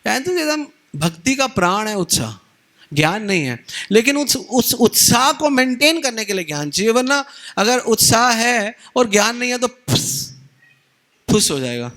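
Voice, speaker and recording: Male retreat preacher, middle-aged, high-pitched, animated storytelling lecture style. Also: normal speed. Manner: animated, acts out dialogue, mixes in English words. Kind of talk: Hindi devotional lecture.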